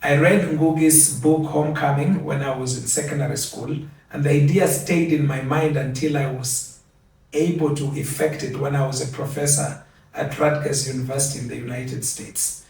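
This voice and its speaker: Older man, from Kenya, formal acceptance speech, earnest, repeats phrases, slightly high pitch, far from mic, strong room echo. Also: fairly even intonation, gravelly, a little mellow. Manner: measured, earnest, repeats words for emphasis. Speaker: award recipient giving acceptance speech. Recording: very echoey, from a distance.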